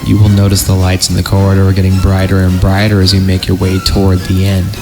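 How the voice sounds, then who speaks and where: Over background music, this male podcast host talks fast in a low voice with a completely flat delivery. His material is dramatic horror story readings broken up by joking asides.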